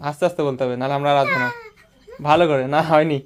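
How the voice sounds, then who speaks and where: A woman's voice: deep voice, fairly even intonation, racing, background noise. A woman, coaxing and teasing a child in casual chat.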